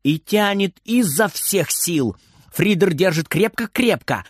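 Brief: male storybook narrator, highish animated voice, dry close sound. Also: takes it slowly, husky, no echo. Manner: lively, theatrical. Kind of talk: expressive storybook reading.

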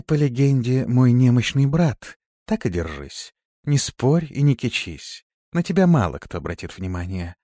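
A man's voice: medium pitch, dark tone, dry recording, voice pushed up, natural voice. A man voicing a cunning, seductive female colonist who moves between sweet servility and dry command.

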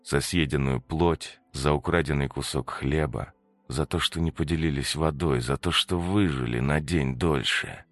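A man reading a dark horror story as narrator, measured and dramatic, on a close mic. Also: very deep voice.

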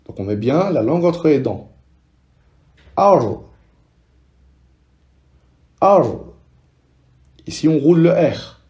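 A man teaching how to read Arabic letters, speaking slowly and patiently and repeating each sound so learners can say it after him. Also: a little high, lively intonation, warm tone, lo-fi sound. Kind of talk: slow step-by-step language lesson.

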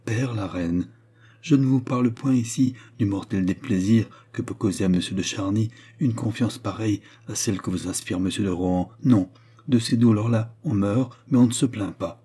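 A man's voice: lowish voice, dark tone, slightly rough. A man reading the part of a desperate, jealous young nobleman in an audiobook, speaking urgently. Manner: urgent, pleading.

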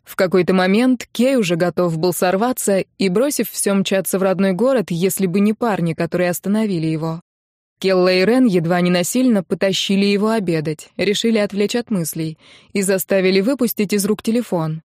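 A woman narrating a romance audiobook in an even, steady storytelling voice. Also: mid-range voice, brisk, no room sound, studio quality.

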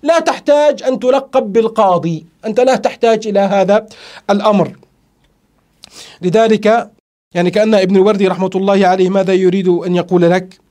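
Male sheikh, high voice, rapid lecturing delivery that stretches and repeats key phrases. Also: fairly even intonation, dark tone. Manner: slows and stretches words to stress verse lines, repeats key phrases. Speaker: sheikh teaching a classical poem. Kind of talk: explanatory lecture on grammar and verse.

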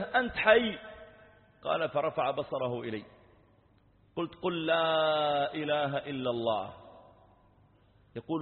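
Impassioned preacher on a tinny hall recording. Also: male voice, on the high side. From Saudi Arabia. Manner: impassioned, rising to near shouts. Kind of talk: sermon with recited poetry and a story.

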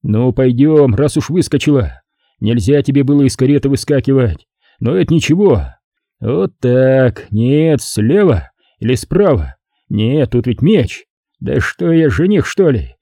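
A tender, slightly awkward grown man, as a narrator plays him speaks in fatherly, teasing banter. His voice is dark and husky, with a lively pitch. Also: unhurried, no echo, clean studio sound. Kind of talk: audiobook reading.

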